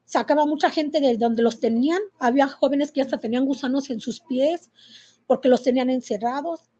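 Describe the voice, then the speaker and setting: A middle-aged woman speaks with a Mexican accent in a high, mellow voice. She tells her story haltingly and with feeling, full of fillers and restarts. The recording is muffled and lo-fi. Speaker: interviewee. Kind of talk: personal testimony.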